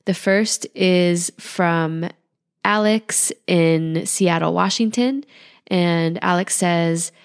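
A woman hosting a podcast in a gentle, unhurried way, her voice nasal while she gets over an illness. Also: lowish voice, clean tone. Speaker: podcast host, holistic life coach. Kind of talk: calm podcast talk.

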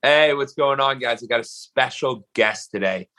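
A man hosting a podcast, reading an energetic intro and then asking casual interview questions. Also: mid-range voice, normal speed. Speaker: podcast host.

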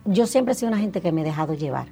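A middle-aged woman with a Dominican Spanish accent talks through her story in a relaxed interview. She is animated and acts out old conversations, with plenty of fillers. Faint music runs underneath her voice. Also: fairly low pitch, rapid-fire, vocal fry. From Dominican Republic. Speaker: interview guest, insurance agency owner.

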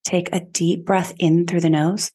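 Calm, husky woman guiding meditation. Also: fairly low pitch. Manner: slow, soothing, calm instruction. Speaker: podcast host and yoga teacher. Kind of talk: guided meditation.

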